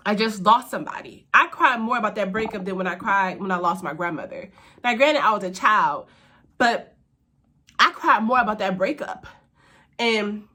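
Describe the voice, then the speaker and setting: A woman's voice: medium pitch, sharp tone. A young adult woman hosting her own channel, telling a personal faith testimony in an earnest, conversational way, speaking to viewers directly as y'all. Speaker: host.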